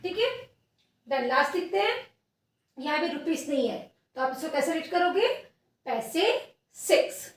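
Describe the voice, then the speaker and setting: Woman, Indian accent, teacher, patient dictation, high voice, echoey room. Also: lively intonation, distant mic. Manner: slow, patient, repeating each word for dictation. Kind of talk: online maths lesson for young children.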